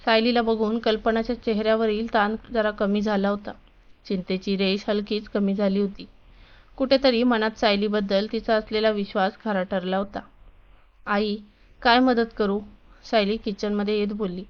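A woman narrating a family story in a gentle, steady reading voice. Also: mid-range voice, normal speed. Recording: dull lo-fi recording.

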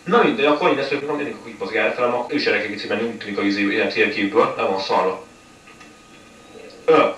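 A man giving live commentary on his own game run, cursing all the time and snapping into angry yells. He sounds set back from the mic in an echoey room, with a faint hiss underneath. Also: on the low side, recorded from a distance. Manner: swears constantly, frustrated outbursts. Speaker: gamer commentating a playthrough.

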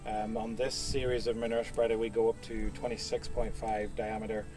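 Man explaining farm machinery outdoors, flat delivery. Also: fairly low pitch, moderate pace, far from the mic, faint music behind. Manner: casual, many fillers, explanatory. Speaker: product specialist. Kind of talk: outdoor product demonstration. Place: outdoors at a farm equipment show.

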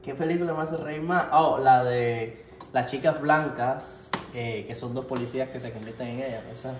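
Here a young man, in his twenties with a Cuban accent, answers viewer questions for his cooking vlog at a moderate pace and medium pitch. He's loose and playful, and the kitchen he records in is echoey with soft background noise.

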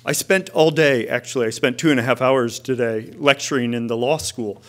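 A middle-aged guest speaker delivers a conversational public lecture in a large indoor hall, first into a lectern mic and then a clip-on mic as he moves around. His voice is medium-pitched and a bit bright, at a moderate pace.

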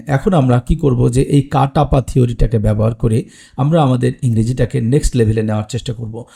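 A man's voice: medium pitch, gravelly, warm tone. A man teaching English pronunciation in an online lesson, explaining plainly with frequent "ah" fillers. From Bangladesh or West Bengal.

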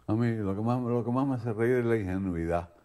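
An older man answering interview questions in a relaxed way and telling short anecdotes. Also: fairly low pitch, fairly quick.

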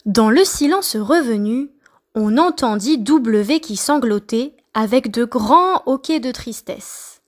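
Slow, high-voiced woman reading a children's story. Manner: slow, expressive reading aloud.

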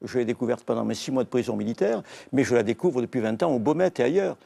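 Older man, southern French accent, gravelly dark voice, earnest storyteller, TV studio. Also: mid-range voice, animated, fast. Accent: southern French, Marseille. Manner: storytelling, earnest, quotes and repeats phrases. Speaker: novelist guest. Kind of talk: televised literary talk.

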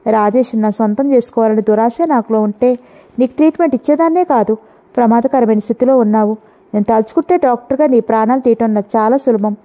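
Earnest pleading lady doctor, read by a woman, mellow fairly high voice, lo-fi. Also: fast, natural voice. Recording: dull lo-fi audio.

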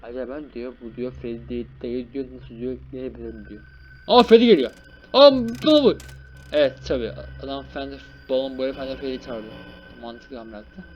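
A young man hosting a gaming channel, giving excited live commentary on a horror game and scolding its characters. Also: mid-range voice, fairly quick, dull audio, slight background noise. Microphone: desk microphone.

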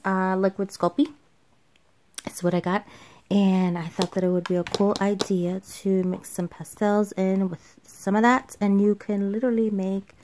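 A woman's voice: mid-range voice, mellow. Tired, rambling woman craft vlogger. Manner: rambling, self-correcting, with fillers. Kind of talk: casual voiceover chat. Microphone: home voiceover microphone.

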